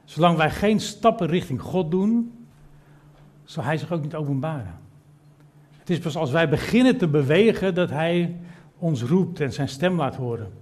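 Earnest middle-aged male preacher, fairly high voice. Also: expressive, moderate pace, darkish tone. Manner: earnest, addresses the congregation directly, self-deprecating. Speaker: pastor. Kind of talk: sermon.

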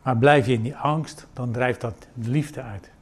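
A man preaching a sermon, retelling a scripture story and acting out the dialogue with lively emphasis. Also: medium pitch, measured pace, breathy edge.

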